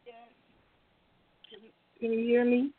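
A woman's voice: fairly high pitch, flat delivery, slightly rough, dry recording. Woman caller on a tin-can-sounding phone. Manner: halting, searching for words. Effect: tinny phone sound, like a tin can phone. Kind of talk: call-in poetry reading. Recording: tinny phone line.

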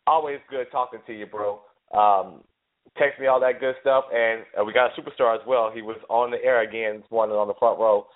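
A man with a head cold and a stuffy voice, hosting a casual sports podcast. He talks in a relaxed way, laughs easily and often repeats his words. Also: medium pitch, fairly quick. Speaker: podcast host. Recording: phone-line audio.

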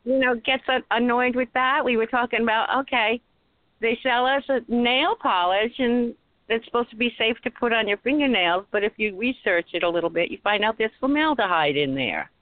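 A woman's voice: a little high, moderate pace, no echo. Woman with Rhode Island accent, phone-like sound. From Rhode Island, USA. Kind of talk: casual panel chat. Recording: tinny phone-like internet call audio.

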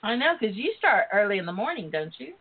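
A woman hosting a flirty, casual online radio talk show, sultry and playful with drawn-out endearments. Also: mid-range voice, big pitch swings, husky. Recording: muffled narrow-band internet radio phone line.

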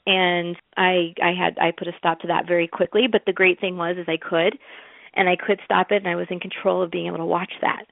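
A woman's voice: fairly low pitch, level tone, a little fast, gravelly, no echo. A woman guest in an interview, telling stories in a chatty way with many fillers and restarts. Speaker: interview guest, music promoter. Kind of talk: casual interview talk. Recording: tinny phone line.

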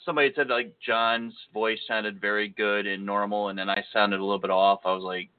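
Joking and self-deprecating, a man hosts a casual podcast chat with a fairly low, flat voice. He's brisk and smooth, though the recording has a tinny phone-like quality.

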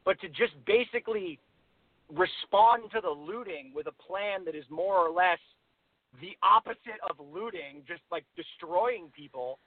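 A man's voice: high voice, expressive, no room sound. A man calling in to a radio show, reasoning out his argument with frequent "right?" asides. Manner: reasoned, measured arguing with many "right?" asides. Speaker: caller. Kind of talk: call-in debate. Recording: dry, tinny phone line.

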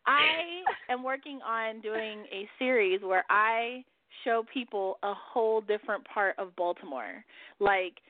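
A woman's voice: fairly high pitch, animated, unhurried, dry recording. A woman hosting a radio show in casual chat, who swears freely and laughs often. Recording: dry, phone-like line.

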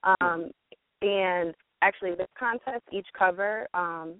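A woman's voice: on the low side, slow, dry recording. A woman comes through a narrow, phone-like line that sounds dry and close. She is a marketing guest on a radio interview. She talks in a loose, chatty way, with frequent ums. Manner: chatty, with many ums and fillers. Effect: heard over a phone line. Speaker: guest from a music platform's marketing team.

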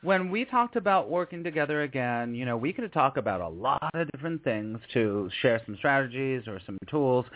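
A man hosting a live radio show in a chatty, effusive way, often repeating phrases for emphasis. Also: medium pitch. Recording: phone-like band, roomy echo.

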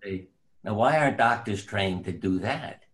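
A man who is a surgeon and author, telling stories in an unhurried, reflective way as an interview guest, sometimes dropping to soft quiet tones. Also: fairly low pitch, expressive. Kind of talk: conversational storytelling.

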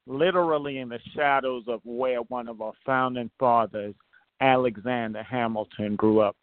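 A man's voice: medium pitch, no echo. A man from Trinidad and Tobago, a political candidate, speaking earnestly as a guest on a talk show with many fillers and restarts. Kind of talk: phone-in interview, casual. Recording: tinny phone line, dry.

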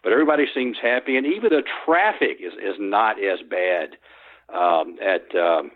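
Over a tinny phone line, a male sports historian responds to an interviewer, wandering with repeated restarts and fillers. His voice is fairly low, expressive, and moves at a normal speed, captured by a telephone microphone.

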